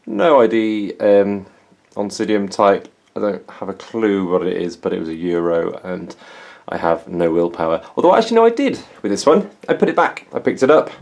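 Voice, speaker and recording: A young plant vlogger from England, speaking with an English accent, chats casually and pokes fun at himself in a self-mocking, dry way. The recording sounds lo-fi, and his voice is fairly low, animated, and a little mellow, with vocal fry at a normal speed.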